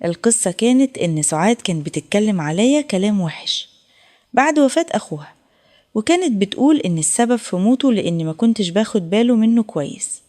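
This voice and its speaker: Fast-talking Egyptian woman storyteller. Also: mid-range voice. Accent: Egyptian Arabic. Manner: emotional, tearful retelling in a steady flow. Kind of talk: first-person dramatic story narration.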